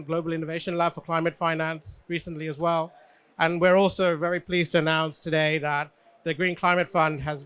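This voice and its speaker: Clear, higher-pitched man presenting. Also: fairly bright tone. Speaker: panel speaker for a finance company. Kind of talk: formal panel presentation.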